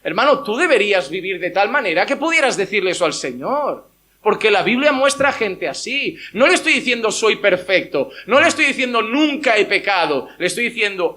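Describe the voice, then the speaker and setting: A man's voice: sits high, sing-song, moderate pace, sharp tone. A male pastor preaching a sermon in a church, emphatic, with rhetorical questions and voices acted out as quotes.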